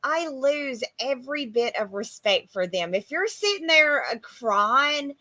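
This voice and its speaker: A woman comic creator in casual podcast chat, blunt and profane, talking with animated emphasis. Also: high voice, a little slow.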